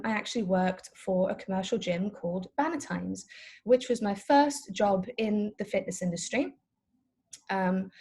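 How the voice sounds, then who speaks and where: A native Dutch woman from the Netherlands, around 30, who is a personal trainer and business owner, gives young people an informal career talk in a chatty, explanatory way. Her voice is medium-pitched, a little mellow, and slightly rough.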